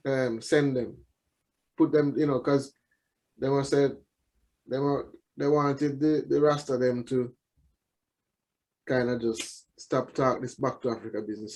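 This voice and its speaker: A man with a Jamaican accent chatting casually as an interview guest, reflective and halting, often repeating his words. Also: mid-range voice, darkish tone. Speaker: musician guest.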